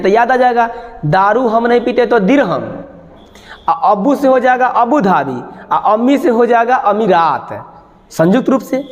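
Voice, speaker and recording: A man coaching students for exams, teaching through playful mnemonics, snatches of song and little acted sketches, and repeating key words slowly so they stick. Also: high-pitched, long reverb tail. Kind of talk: exam-prep lesson with mnemonics.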